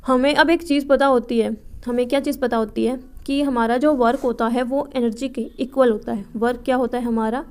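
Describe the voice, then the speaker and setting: A young woman tutoring physics problems step by step, reading the question text slowly and asking herself "what next?" before each answer. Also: fairly high pitch, steady tone, a little mellow, clean tone. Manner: repeats checks like "ठीक है" and asks herself questions before answering; reads English question text slowly, word by word. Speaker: physics tutor for nursing entrance exams. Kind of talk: explaining exam problems step by step.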